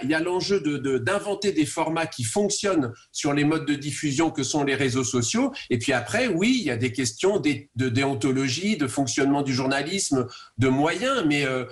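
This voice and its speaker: Halting, fairly high-voiced man debating. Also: expressive. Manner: halting, stacks of repeated words. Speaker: debate guest. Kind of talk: radio debate. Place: radio studio.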